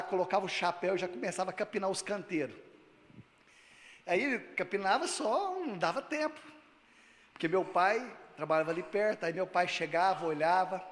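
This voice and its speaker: A male pastor preaching a sermon, moving between loud emphatic lines and low, quiet storytelling. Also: long reverb tail.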